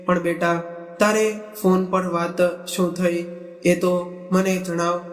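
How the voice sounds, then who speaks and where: A worried mother in a storybook, read by a man in a high, flat voice. She speaks in a plain, even way. The sound is echoey and roomy, with soft music underneath. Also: slow pace. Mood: firm. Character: worried mother of a grown daughter.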